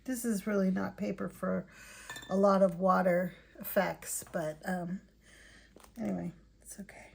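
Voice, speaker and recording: A tired woman hosting an art channel, chatting softly and thinking aloud while she swatches paints at home. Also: medium pitch, level tone, gravelly, a little hiss or hum. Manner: soft-spoken, unhurried, thinking aloud.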